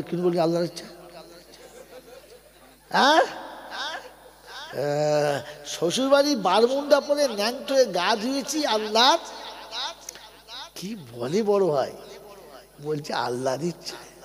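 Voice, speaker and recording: A male preacher delivers a lively sermon, telling stories and calling on the crowd to answer him. His voice sits high and swings widely in pitch. It rings out with a long reverb. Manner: storytelling, calls on the audience to answer.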